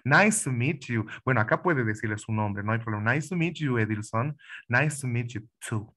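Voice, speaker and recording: A man's voice: medium pitch, a bit bright. A man leads an online English lesson, patient and repetitive, often asking his students whether they follow. His voice sits in a middle register and comes through a video call. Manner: patient, repeats phrases, asks students questions. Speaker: English teacher. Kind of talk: online class instruction.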